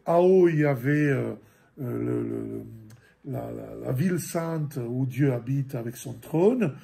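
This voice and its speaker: A middle-aged man, a priest giving a catechism lesson, explaining scripture in a halting way with many repeated words and fillers. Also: mid-range voice, gravelly, mellow, breathy edge.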